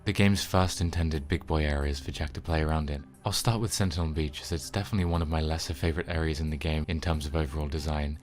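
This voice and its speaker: A man with a very deep, low-pitched voice delivers scripted narration as a game reviewer. His wording is casual and wry, while the read stays that of a prepared retrospective. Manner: informal, wry, sweary.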